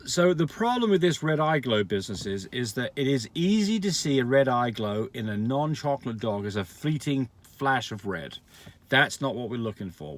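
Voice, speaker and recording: A man's voice: medium pitch, no echo. Frank, rambling man answering questions. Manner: frank, rambling explanations with restarts and fillers. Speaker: dog breeder answering viewer questions. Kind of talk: casual advice Q&A.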